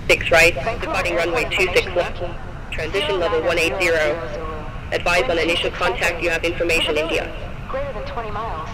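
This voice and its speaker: A synthesized man reads an automated airport weather broadcast as a quick, flat string of numbers and codes. His voice sits a little high for a man. Loud crowd-like noise fills the background of this flight-sim radio feed. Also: poor audio. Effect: automated airport weather broadcast over a radio frequency.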